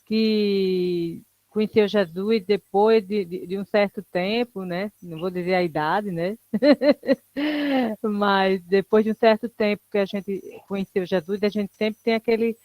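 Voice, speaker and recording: A woman pastor joins an online church service by video call, and her voice comes through dry and close. She speaks at a middle pitch in an affirming, conversational way. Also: unhurried, darkish tone, no room sound.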